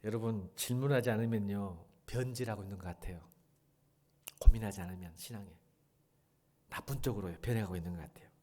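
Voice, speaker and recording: A middle-aged man preaching a sermon in a church, swinging between hushed pleading and loud, fervent exclamations. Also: on the low side, fairly quick, long pauses. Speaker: pastor. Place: church sanctuary.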